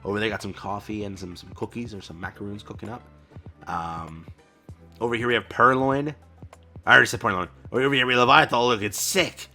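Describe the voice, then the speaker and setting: A man hosting a card-game channel, giving an excited, casual reaction commentary full of exclamations and slang like bro and dude. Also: on the low side, fast, faint music behind. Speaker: card game content creator.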